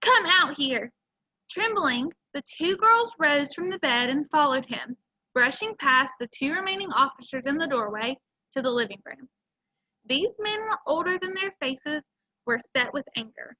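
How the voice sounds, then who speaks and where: A woman's voice: sits high, expressive, normal speed, sharp tone, highs cut off. A woman teacher speaking to children in an encouraging way, explaining a lesson and then reading a story aloud. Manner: friendly, encouraging.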